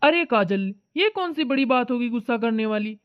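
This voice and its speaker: An unbothered cartoon husband put on by a woman soothes and dismisses in a fairly high voice. The sound is tinny and phone-like, with no room around it. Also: lively intonation, normal speed, smooth, no room sound, lightly acted. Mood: placating. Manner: placating, brushing things off. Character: easygoing husband, calm, dismissive. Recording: tinny phone-like dry voice track.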